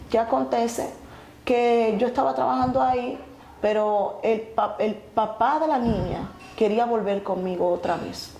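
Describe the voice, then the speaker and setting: A woman telling her testimony earnestly, halting and restarting often. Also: medium pitch, dark tone. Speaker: guest sharing her testimony. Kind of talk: emotional personal testimony. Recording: echoey room with faint noise.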